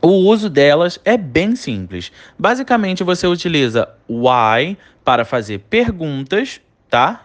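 A man teaching an online English lesson, explaining patiently and checking in with his students often. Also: a little high.

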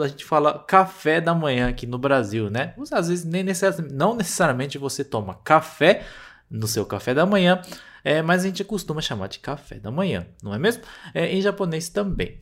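A Brazilian man with a somewhat high voice teaches Japanese words in a lively, swooping tone. He explains patiently, repeats each word step by step and keeps checking that the listener is following. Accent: Brazilian Portuguese. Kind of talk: language lesson explanation.

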